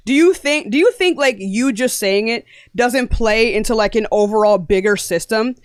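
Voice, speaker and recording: A woman's voice: fairly high pitch, normal speed, no room sound, clean studio sound. A young woman hosting a live-stream debate, blunt and combative, often talking over her guests. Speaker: livestream debate host.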